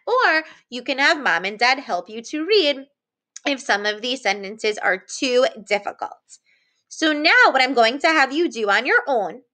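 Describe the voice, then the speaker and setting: A woman teaching an early-reading lesson to young children, slow and encouraging, with playful excited gasps. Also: a little high.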